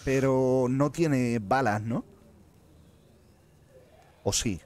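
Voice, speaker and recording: A man's voice: medium pitch, extremely slow, darkish tone. A man with a Spain Spanish accent giving live gameplay commentary as a streamer, muttering to himself and swearing often.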